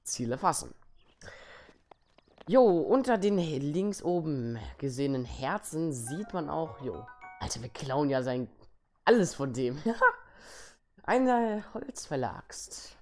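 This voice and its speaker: A man's voice: a little high, lively intonation, measured pace, a little mellow, faint music behind. A young man giving casual let's play commentary in an informal, slangy way. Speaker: let's player.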